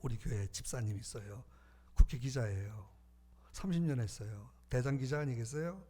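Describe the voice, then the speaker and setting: A man preaching a sermon as pastor, animated, shifting between loud calls and hushed asides. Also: medium pitch, normal speed.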